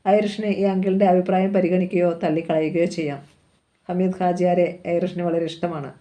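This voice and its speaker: Low, flat-voiced woman reading a novel. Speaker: novel reader.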